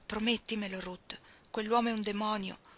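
A frail old mother on her deathbed pleads in a hushed, urgent voice, as a woman reading an audiobook puts her on. The tone stays bright despite the softness. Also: mid-range voice, steady tone, moderate pace, lightly acted. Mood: pleading. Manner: whispered, pleading.

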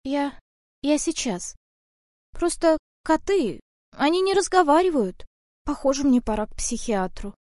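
A woman reading a young city woman in an audiobook, flustered and unsure of herself. The voice is high and sounds close, with no room echo. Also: big pitch swings, unhurried, pauses often, darkish tone.

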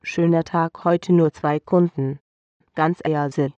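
A man's voice: a little high, steady tone, slow, a little mellow, smooth, no room sound, lo-fi sound. A man voicing a cheerful female alien delivery pilot who speaks in broken, scrambled word order.

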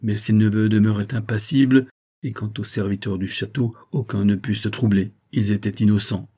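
Lecteur à la voix grave et voilée. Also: male voice, lowish voice, fairly even intonation, moderate pace, warm tone. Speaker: narrator. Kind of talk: audiobook reading of a classic novel.

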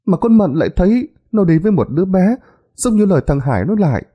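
A man voicing a stern, suspicious older village woman in a spoken horror story, with a shrill, accusing way of talking. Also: big pitch swings, fast talker, husky, lo-fi sound, exaggerated voice.

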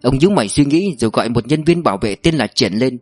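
Male audiobook narrator, measured, dry close sound, faint music. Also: mid-range voice, husky, dry recording. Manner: steady, measured reading.

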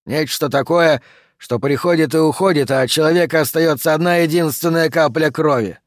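A man voicing a proud, blunt barbarian warrior in an audiobook, with a loud, gruff, raised voice. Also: on the high side, brisk, no room sound, studio quality, voice pushed up, natural voice. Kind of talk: audiobook character voice.

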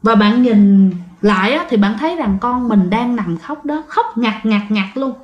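A woman's voice: fairly high pitch, animated, measured pace, dull audio. Woman telling a ghost story, roomy. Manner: addresses listeners directly, vivid. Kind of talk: spoken ghost story narration.

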